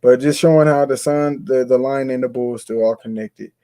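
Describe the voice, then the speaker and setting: A man's voice: mid-range voice, steady tone, fairly quick, dark tone, no room sound. A man, explaining ideas in a loose, conversational way as co-host of a spiritual talk. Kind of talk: casual spiritual discussion.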